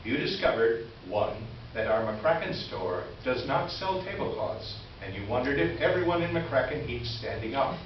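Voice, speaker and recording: On an indoor stage before an audience, a man reads aloud as a smug, officious middle-aged complaints officer, delivering a formal, pompous letter with pointed condescension and smug superiority. His natural mid-range voice has lively intonation at normal speed with few pauses, captured from far off in an echoey hall that sounds dull with faint hiss.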